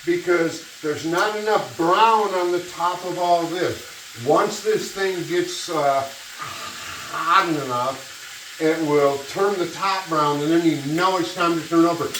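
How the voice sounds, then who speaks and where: The voice is far from the mic in a roomy, echoey kitchen with frying noise. It belongs to a giggly, tipsy cooking host who talks at an unhurried pace. The delivery is casual and exclamatory, with plenty of cursing. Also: mid-range voice. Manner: giggly, tipsy rambling with frequent laughter; profane, exclamatory. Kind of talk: casual cooking demonstration to camera. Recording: echoey, distant mic, loud sizzle noise. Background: frying sizzle and stirring.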